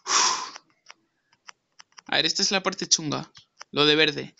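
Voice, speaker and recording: A man's voice: a little high, slow pace, vocal fry, sharp tone, a little hiss or hum. A young man from Spain, commentating his gameplay brashly and swearing as he argues with someone off-mic. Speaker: gaming streamer.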